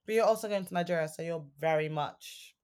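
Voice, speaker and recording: A woman's voice: fairly low pitch, fast, a little mellow, smooth. A woman co-hosting a casual podcast chat, sounding ill and congested with a stuffy nose. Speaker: podcast co-host.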